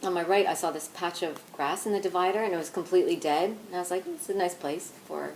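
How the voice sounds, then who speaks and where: A woman's voice: fairly low pitch, fast talker, darkish tone, a little hiss or hum, close to an everyday voice, low-quality recording. An actress playing a young woman who tells a friend a long, rambling story, full of likes and ums, in naturalistic indie-film dialogue. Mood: animated.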